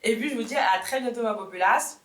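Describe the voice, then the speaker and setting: A woman's voice: a little high, fast talker, a bit bright. A woman in her thirties talking casually to her viewers in a motivational vlog, chatty and repeating words for emphasis, often correcting herself as she goes. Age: 30s. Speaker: YouTuber. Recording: echoey room.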